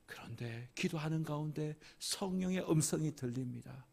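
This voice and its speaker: A man preaching a Sunday sermon as senior pastor in a church, swinging from hushed whispers to loud, emphatic climaxes with rhythmic repetition. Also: on the high side, moderate pace, vocal fry, husky. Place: church sanctuary.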